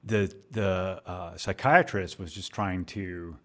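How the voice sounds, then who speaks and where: A man's voice: low-pitched, fairly even intonation, takes it slowly. A man co-hosting a podcast, speaking hesitantly in candid conversation and often repeating words as he searches for them. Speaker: podcast co-host.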